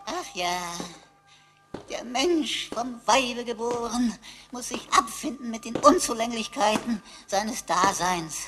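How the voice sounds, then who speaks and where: A cheeky idiom-mangling sidekick. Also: female voice, a little high, expressive, music in the background. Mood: mock-solemn. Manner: slow, mock-solemn, muddles idioms. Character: cheeky talking sidekick Sammy, mangles sayings.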